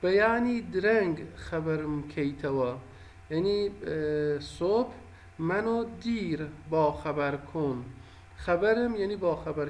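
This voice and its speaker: A man's voice: high-pitched, a little mellow, a little hiss or hum. A man teaching a language lesson, patiently repeating and explaining each phrase.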